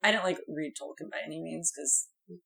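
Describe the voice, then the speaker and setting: A woman producer sitting in on a casual podcast chat. She speaks in a calm, matter-of-fact way with a slightly low pitch. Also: quick pace, gravelly, poor audio.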